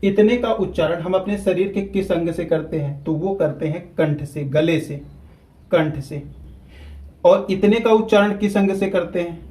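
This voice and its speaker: A man teaching a grammar lesson at a whiteboard, repeating key terms slowly so students can follow. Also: sits high, mellow, low-quality recording.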